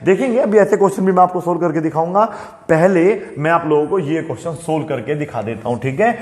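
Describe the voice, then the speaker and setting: A man's voice: fairly high pitch, fast, darkish tone. A man teaching a maths lesson, patient and repetitive, often checking in with his students. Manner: patient, repeats "okay, beta" to students. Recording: echoey room with long reverb.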